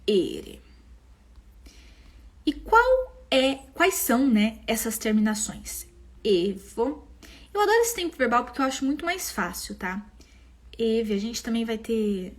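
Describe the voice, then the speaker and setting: A young woman teaching a live online language class, explaining patiently and sounding out each form slowly. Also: on the high side. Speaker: Italian teacher.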